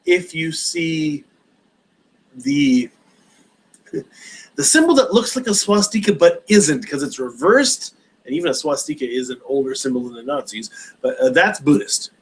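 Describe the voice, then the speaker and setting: A man's voice: a little high, lively intonation, measured pace, long pauses, husky, low-quality recording. A man in his forties hosting a casual live stream Q&A, rambling with many hesitations and restarts. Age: 40s.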